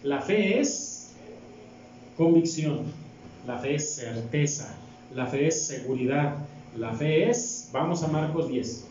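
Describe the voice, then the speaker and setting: Mexican deacon preaching in an echoey hall. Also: male voice, on the high side, lively intonation, slow, a little mellow, slight background noise. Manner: asks the congregation rhetorical questions. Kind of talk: sermon with Bible reading. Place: church hall. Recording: very echoey hall, distant mic, dull sound.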